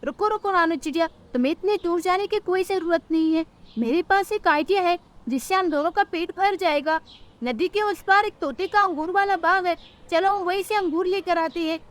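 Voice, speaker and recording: A woman's voice: very high-pitched, normal speed. Kalu the crow, sly and wheedling, voiced by a woman. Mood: scheming. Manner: wheedling, pushy. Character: sly lazy male crow, lies and begs. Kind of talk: cartoon storytelling.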